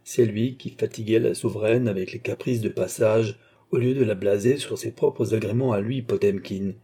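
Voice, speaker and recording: A man narrating a classic novel as an audiobook in an even, measured reading. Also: lowish voice, breathy edge. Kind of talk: scripted narration.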